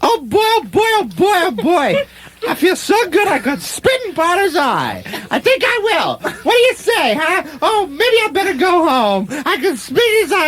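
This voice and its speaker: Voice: extremely high pitch, fairly bright tone, no room sound, heavily acted. A performer voicing a boisterous, scatterbrained old uncle in a comedic radio play, exclaiming and repeating things over a noisy, clicking track. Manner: repetitive, exclaiming, breaking into giggles.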